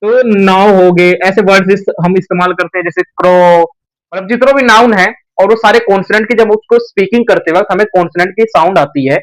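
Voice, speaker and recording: A man's voice: sits high, a little fast, poor audio. A young man teaching an English grammar lesson at a board, who asks the class questions and answers them himself.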